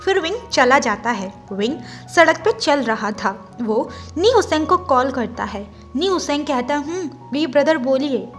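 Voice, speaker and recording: A woman narrating and retelling a fan story in a brisk, expressive way. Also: sits high, faint music behind. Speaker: fanfiction narrator. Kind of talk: storytelling recap.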